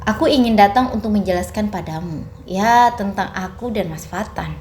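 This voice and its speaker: A woman storyteller voicing a calm female friend who explains herself. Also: mid-range voice, normal speed, a little hiss or hum, natural voice. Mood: explaining.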